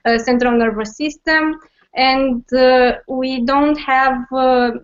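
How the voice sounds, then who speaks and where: A young woman speaks slowly and haltingly, her pitch slightly high. She is a medical student presenting over a muffled video call. Her delivery is full of fillers and little nervous laughs. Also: fairly even intonation. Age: young adult. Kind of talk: conference presentation. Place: home at night. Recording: dull online call audio.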